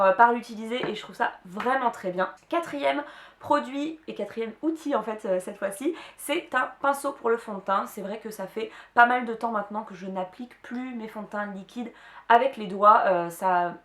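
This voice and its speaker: A woman's voice: fairly high pitch, fairly bright tone. A young woman chatting casually to camera about her beauty favorites, with many hesitations and restarts. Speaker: beauty vlogger. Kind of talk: casual product chat to camera. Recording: echoey room.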